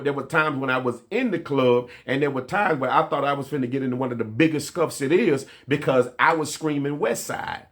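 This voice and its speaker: A man's voice: mid-range voice, a bit bright. A male pastor preaching a livestreamed sermon, talking in street slang and repeating phrases as he builds his points from his own life. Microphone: livestream mic.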